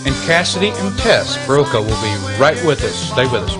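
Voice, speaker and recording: A man's voice: medium pitch, sing-song, brisk, loud music behind the voice. A man hosting a local TV morning segment, chatty and jovial with his guest. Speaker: TV show host. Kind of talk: live TV chat.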